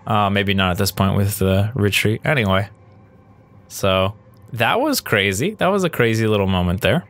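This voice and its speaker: A man's voice: on the low side, animated, normal speed, fairly bright tone. A man hosting his gaming channel, casually commentating a replay of his own match, thinking aloud and answering viewer questions as he goes.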